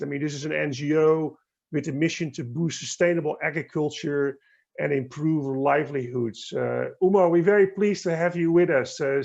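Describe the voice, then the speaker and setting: A man moderating a panel over a video call, speaking haltingly with many fillers and restarts. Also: on the high side, gravelly, darkish tone. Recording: dull lo-fi video call audio.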